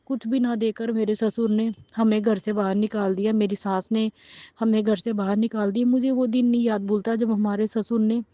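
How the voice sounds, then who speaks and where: A middle-aged woman giving an emotional spoken testimony and prayer, pleading and halting, often restarting her words. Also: a little high, no echo. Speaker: devotee sharing a testimony. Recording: dull lo-fi sound.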